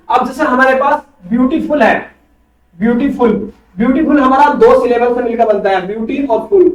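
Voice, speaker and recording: High-voiced male teacher, echoey room. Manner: asks questions and answers them himself. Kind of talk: online coaching class. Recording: echoey room, far from mic.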